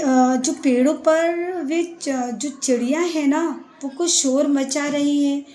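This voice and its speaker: A woman's voice: sits high, mellow. A woman teacher patiently explaining a poem line by line to young students.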